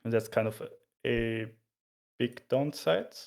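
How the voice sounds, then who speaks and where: A man explaining things informally in a casual chat, in a somewhat halting, hesitant way. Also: medium pitch, vocal fry, darkish tone. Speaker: explainer of video game graphics.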